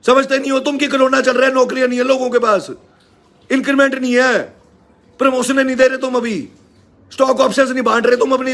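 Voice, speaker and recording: A man with a Haryanvi accent hosting a live stream, ranting loudly and indignantly as he scolds a company. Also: very high voice, vocal fry. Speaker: live-stream host and teacher. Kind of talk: angry live-stream rant.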